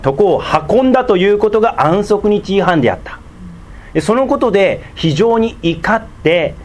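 This pastor's slightly high voice delivers a slow, deliberate teaching sermon, packed with fillers and punctuated by abrupt emphatic climbs.

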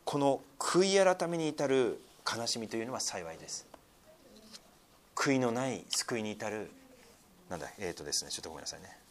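A man preaching a sermon, reading scripture loudly and then dropping to soft, almost whispered asides, chatty and full of fillers. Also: on the low side, very animated, brisk. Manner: conversational, with many fillers and tag particles. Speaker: pastor.

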